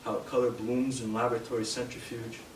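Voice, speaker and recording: A young man from Canada giving a live poetry reading in a bookshop, hesitant with fillers between poems and steady in his verse. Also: mid-range voice, quick pace. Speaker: poet. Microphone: distant from the mic. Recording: roomy, distant, noisy live room sound.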